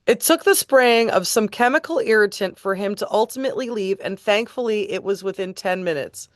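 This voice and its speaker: A woman reading court transcript passages aloud in a steady, deliberate way and adding her own remarks. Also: mid-range voice, no echo, studio quality. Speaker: tribute band host reading court transcripts.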